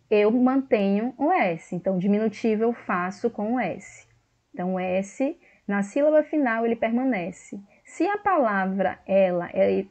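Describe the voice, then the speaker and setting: Brazilian woman teacher, very unhurried, patient step-by-step explainer, slightly muffled recording. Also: mid-range voice, a little mellow. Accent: Brazilian Portuguese. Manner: slow, explanatory, repeats words and checks with "tá certo?". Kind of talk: video lesson on grammar.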